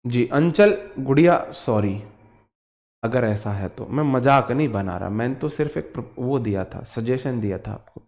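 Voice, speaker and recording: A man with a Haryanvi accent teaching an online English grammar class, lively and teasing, acting out his students' questions. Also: medium pitch, a little slow. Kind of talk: online exam-prep grammar lesson.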